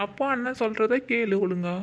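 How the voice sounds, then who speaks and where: A man's voice: high voice, moderate pace, lo-fi sound, natural voice. A man voicing a bossy older brother in a cartoon, ordering his sister around and plotting a plan. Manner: bossy, commanding. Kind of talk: cartoon voice acting.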